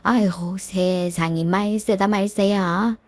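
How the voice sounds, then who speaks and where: A woman voicing a nagging, sharp-tongued older mother-in-law who grumbles and scolds, in a raised voice for a spoken story. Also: fairly high pitch, animated, moderate pace, dry recording, natural voice. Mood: indignant.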